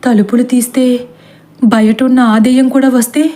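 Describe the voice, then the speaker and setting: A woman voicing a frightened young woman who pleads in a frantic, hurried way in a storybook tale. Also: on the high side, fairly even intonation, dark tone, natural voice. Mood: panicked.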